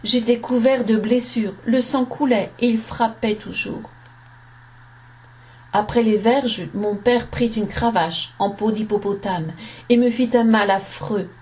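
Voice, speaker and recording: A woman narrates a story at an unhurried, deliberate pace, her voice sitting a little high. She reads with care and lifts her tone for the quoted speech. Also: darkish tone. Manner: slow, measured reading with voiced quotes.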